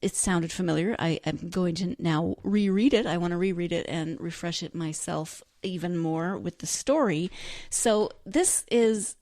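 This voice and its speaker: A podcast host chats enthusiastically on her own about books, giggling and rambling with many asides. Her lowish, darkish voice moves a little slowly and is captured at studio quality without echo.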